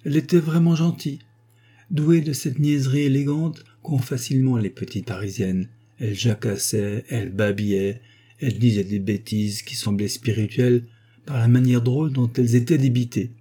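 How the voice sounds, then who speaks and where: A man narrating a classic short story in a measured, expressive storytelling manner. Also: lowish voice, breathy edge.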